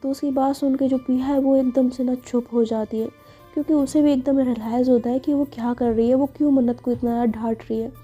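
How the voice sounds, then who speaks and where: A woman's voice: high-pitched, steady tone, fast talker, warm tone, slightly rough, muffled recording, soft background music. A woman storyteller retelling a romance casually, with chatty fillers. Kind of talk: casual spoken story narration.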